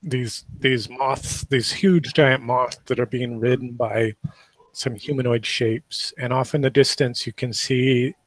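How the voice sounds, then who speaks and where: A man runs a tabletop game and describes the scene in a relaxed, halting way, with plenty of fillers. His voice is mid-pitched, and the sound is dry and close. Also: no echo. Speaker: game master.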